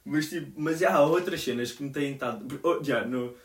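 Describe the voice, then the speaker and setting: A man's voice: medium pitch, a little fast. Slangy young Portuguese man, roomy sound. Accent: European Portuguese. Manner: slangy, rambling storytelling with many fillers. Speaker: podcast co-host. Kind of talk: casual chat. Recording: roomy echo.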